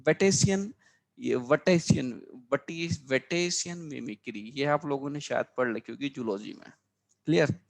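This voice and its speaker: A man teaching a biology lesson for exam preparation, going over his class notes, repeating key terms and asking students if it is clear. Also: fairly high pitch, slow. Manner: addresses students as children, frequent reminders to remember.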